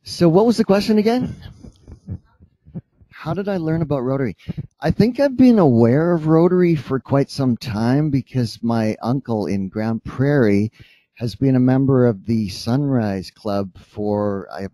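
Man, impromptu club speech, rambling and jokey, mellow darker voice, dry sound. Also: mid-range voice, lively intonation, unhurried, no echo. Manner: rambling, self-joking, hesitant. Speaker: club member answering a question. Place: cafe meeting room.

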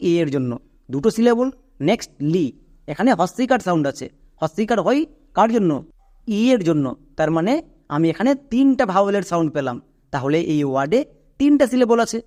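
A man's voice: high-pitched, darkish tone. A man with a Bengali accent teaching an English lesson, explaining step by step and talking straight to the learner. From Bangladesh or West Bengal. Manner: step-by-step, talks directly to the learner. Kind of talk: classroom-style lesson.

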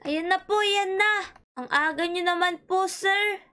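A woman with an extremely high, squeaky voice hosts a playful game role-play. She talks politely and excitably and keeps fussing over her friend. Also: measured pace.

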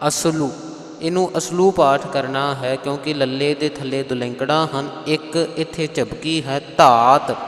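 A man with a Punjabi accent teaching scripture pronunciation. He chants verses slowly and then explains them plainly. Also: on the high side, steady tone, roomy sound, in a large hall. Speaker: Sikh scripture recitation teacher. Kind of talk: slow scripture pronunciation lesson with chanted lines.

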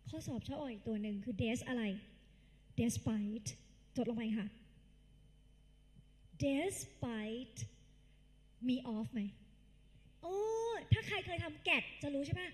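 A woman's voice: a little high, expressive, slow, long pauses. A woman tutor giving a live exam-prep English lecture, quizzing the class in call-and-response and calling the students kids. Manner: calls the students kids and dear. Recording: long hall reverb.

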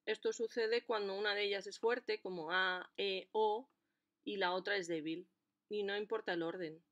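A woman explaining a lesson in a clear, deliberate way, stressing the syllables of her examples. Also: medium pitch, steady tone, fairly bright tone, lo-fi sound. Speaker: language teacher.

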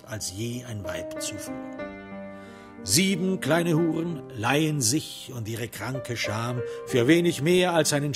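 In a crime radio play, a man with a fairly high voice plays a taunting serial killer. He recites a macabre counting rhyme deliberately, drawing out his stresses.

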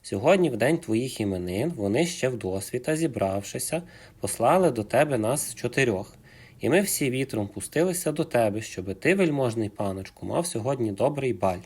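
A man voicing a small, timid but cunning male hare who speaks politely and flatteringly, with a husky voice. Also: medium pitch, moderate pace. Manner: polite, flattering, as courteous as he can.

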